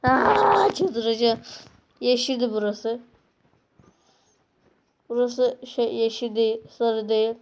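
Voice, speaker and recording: Excitable woman narrating a game, slow-paced. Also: on the high side, a little hiss or hum, poor audio. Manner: excitable, talking to herself, sudden exclamations; frequent slang and restarts. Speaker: gaming channel host. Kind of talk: casual gameplay commentary.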